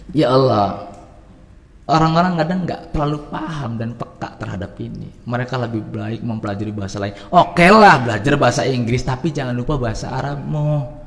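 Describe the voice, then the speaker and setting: A man teaching at a religious study gathering, animated, swinging between loud and soft and mixing in Arabic phrases. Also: medium pitch, in a large hall. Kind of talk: lively Islamic study talk.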